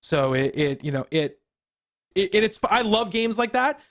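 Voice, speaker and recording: A man's voice: high-pitched, sing-song, moderate pace, a bit bright. A man co-hosting a games podcast, talking in a casual, rambling way with lots of ums and restarts. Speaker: podcast co-host. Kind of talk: casual chat.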